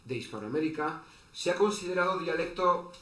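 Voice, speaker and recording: A man giving an online lecture as a teacher, halting, with many fillers and restarts. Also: a little high, animated, fairly bright tone. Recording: echoey room with faint background noise.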